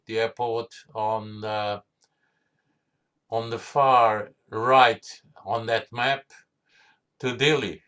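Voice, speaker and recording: A man in his seventies from Portugal with a Portuguese accent touched by Australian English, giving a measured talk full of memories and pauses. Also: medium pitch, a bit bright. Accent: Portuguese with Australian tones. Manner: slow, measured, with hesitations. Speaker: guest speaker. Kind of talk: storytelling talk.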